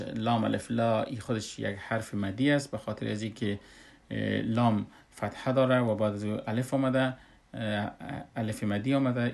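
A man, a Quran recitation teacher who explains a lesson step by step and pauses often on drawn-out "uh" sounds. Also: mid-range voice, creaky. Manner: unhurried, with frequent drawn-out "uh" pauses.

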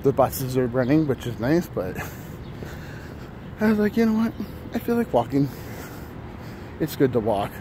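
Walking a city street at dawn, a thirty-something vlogger rambles casually into a phone held at arm's length, full of fillers and restarts and a little out of breath. His mid-range voice has a sing-song lilt, a measured pace, and long pauses. Traffic and city noise come through on the phone audio.

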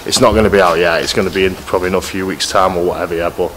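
Low-voiced man vlogging. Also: fairly even intonation, racing, rough recording. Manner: chatty, addresses viewers as guys. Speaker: urban explorer host. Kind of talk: casual vlog narration. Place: abandoned factory and mine, at night. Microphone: handheld camera at arm's length. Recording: loud background noise.

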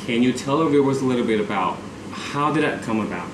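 A man's voice: medium pitch, animated, quick pace. Eager male interviewer in an echoey room. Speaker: show host, interviewer. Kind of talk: friendly interview questions. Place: living room, seated on a sofa indoors. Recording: roomy, distant, noisy air conditioning.

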